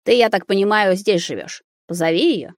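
A woman's voice: medium pitch, animated, moderate pace, no echo, clean studio sound, natural voice. A woman voicing a blunt stranger woman in a storybook reading, terse and demanding. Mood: curt.

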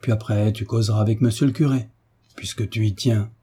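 A gruff old doctor, brusque and hearty, with a dark, very husky voice, as a man reads him. His lines come a little higher than the plain narration. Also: fairly even intonation, a little fast.

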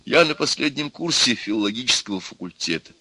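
A man's voice: medium pitch, lively intonation, brisk, pushed and bright, breathy edge, no echo, voice pushed up. A man voicing a nervous, eager young student suitor who makes speeches. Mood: earnest.

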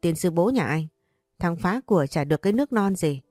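A woman's voice: on the low side, animated, fairly quick, darkish tone, no echo, clean studio sound, faint music behind. A woman voicing a harsh, scolding middle-aged mother who runs a shop, cutting in her words.

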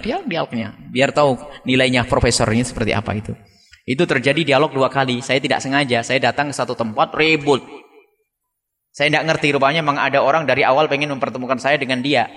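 Animated preacher in a reverberant hall. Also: male voice. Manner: animated, rising to high emphatic peaks then dropping to asides. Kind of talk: sermon.

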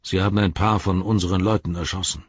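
A man voicing a sturdy, plain-spoken male hobbit farmer who explains matter-of-factly in a deep, husky voice. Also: fairly even intonation, quick pace, no echo. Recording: dry, slightly dull studio sound.

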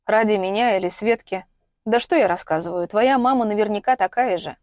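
A woman's voice: medium pitch, a little fast, darkish tone, no echo, studio quality, lightly acted. A woman reading as an earnest young man. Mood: gentle. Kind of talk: audiobook reading.

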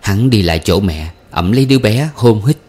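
A man narrating a novel as an audiobook, with steady, measured storytelling. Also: on the low side, husky.

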